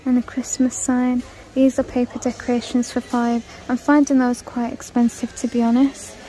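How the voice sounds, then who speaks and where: A woman's voice: fairly high pitch, little pitch movement, moderate pace, mellow, rough recording. Chatty woman touring a shop. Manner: chatty, listing prices, easily delighted. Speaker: shopping vlogger. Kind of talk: casual shop-with-me walkthrough. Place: large indoor retail store. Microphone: handheld phone camera.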